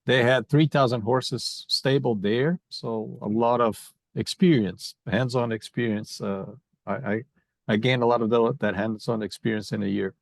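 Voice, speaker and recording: A man's voice: medium pitch, fairly even intonation, normal speed, creaky, no room sound. A man in his fifties from Brazil, a veterinarian guest in a podcast interview, speaking conversationally and repeating words as he thinks.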